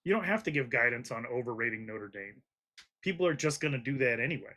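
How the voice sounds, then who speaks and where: A man's voice: mid-range voice, animated, quick pace, bright, forceful tone. A man hosting a college football podcast, arguing his point in an emphatic, casual debate. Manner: argumentative, emphatic. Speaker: podcast host.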